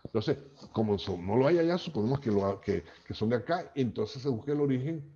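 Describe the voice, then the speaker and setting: A man's voice: medium pitch, expressive, brisk, warm tone. A man with a Venezuelan accent from Maracaibo, a linguistics professor giving a chatty lecture over a video call, often checking in with "¿ok?". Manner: chatty, tags lines with "¿ok?". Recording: dull, lo-fi video call audio.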